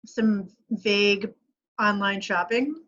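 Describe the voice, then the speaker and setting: A woman's voice: medium pitch, fairly even intonation, slow, fairly bright tone. A woman chatting casually over a video call. She makes wry, darkly joking remarks, and her voice comes through a dull, lo-fi internet line. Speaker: guest on a chat show. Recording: muffled lo-fi internet call audio.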